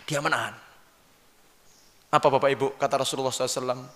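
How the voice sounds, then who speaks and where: A man with a Javanese accent giving a lively sermon, often questioning his audience directly. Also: medium pitch, rapid-fire. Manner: lively, questions the audience, mixes in local words. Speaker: preacher. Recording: long hall reverb.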